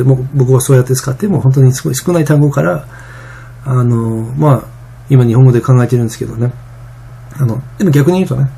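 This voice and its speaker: Fast, gravelly, husky-voiced man. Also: mid-range voice, mellow, slight background noise. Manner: rambling, many fillers and restarts. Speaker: vlogger. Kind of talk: casual vlog monologue.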